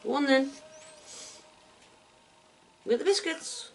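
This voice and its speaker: A woman's voice: sits high, animated, slow pace, gravelly, slight background noise. A woman at home, coaxing and praising her pet bird in a sing-song baby-talk voice. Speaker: pet owner. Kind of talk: casual chat to a pet bird. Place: indoors at home.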